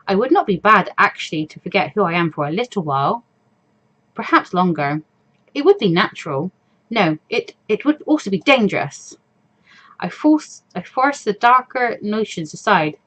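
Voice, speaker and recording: Voicing a fourteen-year-old girl in a visual novel, a woman uses a mid-range, fairly bright voice with big pitch swings at normal speed. The character is anxious and introspective, her inner monologue troubled and hesitantly musing.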